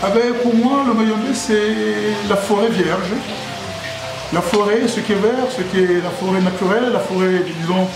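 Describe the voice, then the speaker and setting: A man's voice: high voice, normal speed, music in the background. A man in his sixties from Congo, a restaurant owner, answering interview questions in a jovial, rambling way that repeats itself, in his restaurant. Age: 60s. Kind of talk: casual interview. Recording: echoey room with loud background noise.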